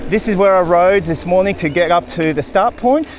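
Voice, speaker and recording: A man with an Australian accent, chatting casually to camera as a cycling vlogger beside a river, relaxed and quick to laugh. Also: sits high, slight background noise. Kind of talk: casual vlog chat to camera. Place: outdoors by a river. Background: faint outdoor ambience.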